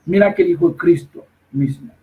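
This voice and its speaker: A man preaching a sermon online, reading scripture aloud in halting pieces and emphatically challenging listeners to check their own Bibles. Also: a little high, dark tone, distant mic, rough recording. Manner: reads scripture aloud slowly with halting pauses.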